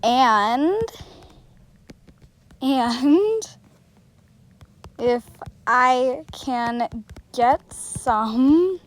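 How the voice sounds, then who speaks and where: A woman's voice: high voice, expressive, drawn-out words, pauses often. A woman chatting casually to her viewers while playing an online game, giggling often and poking fun at herself. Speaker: gaming channel host. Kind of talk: casual gameplay commentary.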